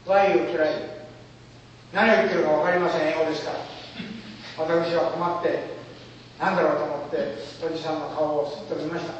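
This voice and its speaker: A man with a high, light voice gives a dramatic, formal storytelling speech, pausing for effect. He is picked up from far off in a large hall, with long reverb ringing around him. The sound is a little dull and muffled. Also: flat delivery, slight background noise. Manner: formal oratorical phrasing, emotive pauses. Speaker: speaker.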